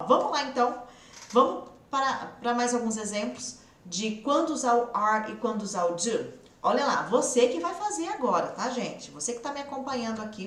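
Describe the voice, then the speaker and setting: Lively São Paulo countryside teacher woman. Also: fairly high pitch, roomy sound, recorded from a distance. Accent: São Paulo countryside Brazilian Portuguese. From interior of São Paulo state, Brazil. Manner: lively, coaxing, drills students with questions. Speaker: English teacher. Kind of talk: online English lesson.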